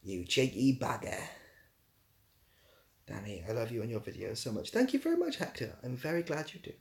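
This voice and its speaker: A young British man livestreams, answering viewer comments in a loose, slightly rambling chat with a dry, playful streak. His medium-pitched voice swings widely in pitch, is creaky, and moves at a normal speed.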